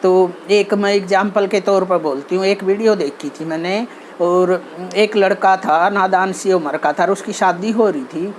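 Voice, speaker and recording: A woman's voice: medium pitch, moderate pace, slight background noise. Earnest Haryanvi woman giving advice. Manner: earnest, repeats herself, many fillers and restarts. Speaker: channel host giving advice. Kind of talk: casual talk on social behavior.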